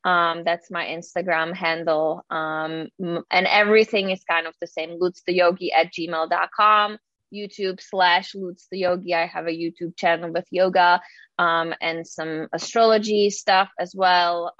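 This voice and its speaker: A woman's voice: on the low side, flat delivery, unhurried, a bit bright, no room sound. Hesitant woman, dull dry recording. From Czech Republic. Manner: hesitant, lots of ums and restarts. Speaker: guest, yoga teacher and life coach. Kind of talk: casual podcast conversation.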